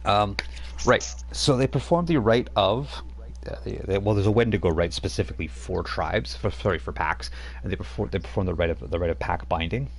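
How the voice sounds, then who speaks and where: A man serving as game master runs a tabletop role-playing game on a live stream, rambling and restarting often as he narrates. His voice is on the low side and a little fast.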